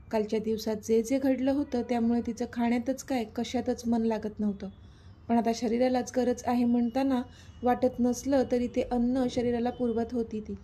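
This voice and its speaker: A woman narrating a serialized romantic story in a steady, expressive reading. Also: on the high side, slightly rough.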